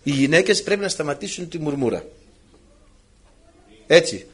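A man preaching a sermon, with a husky voice and a playful, animated manner, acting out the characters. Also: fairly high pitch.

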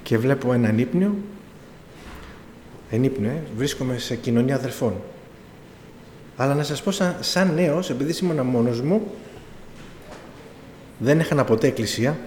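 A middle-aged man gives a sermon testimony, recounting his own story with quoted dialogue and pleading emphasis. His voice is medium-pitched and darkish, and he pauses often. The hall is echoey, with faint room noise.

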